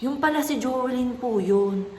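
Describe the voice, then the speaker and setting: A woman, a mother telling a personal story in a soft, earnest, polite way. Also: fairly high pitch, measured pace. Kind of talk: casual vlog talk. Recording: echoey room with faint noise.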